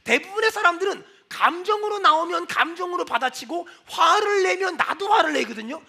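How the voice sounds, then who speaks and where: A male pastor preaching a sermon in a church, animated, acting out quoted lines and rising into shouted prayers. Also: very high voice, a little fast, creaky. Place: church sanctuary.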